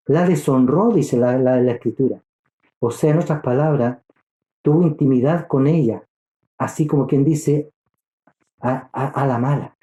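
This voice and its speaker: A man teaches scripture with a very dark, mellow tone set a little higher than most men. His delivery is earnest and halting, restarting phrases and calling his listeners brother. The room around him is echoey. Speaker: Bible study teacher. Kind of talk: Bible study teaching.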